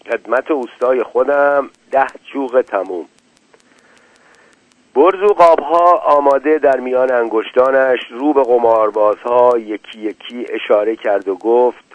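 A man narrating a story and speaking the characters' street-slang lines in a casual, lively way. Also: mid-range voice, no echo. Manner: colloquial Tehrani street slang in dialogue. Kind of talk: storybook reading with character voices. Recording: tinny phone-like dry recording.

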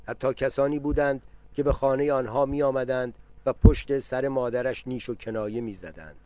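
A man reading a novel aloud in a steady, measured storytelling manner. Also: mid-range voice, no room sound. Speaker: narrator. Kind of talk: audiobook narration. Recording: dull, dry reading.

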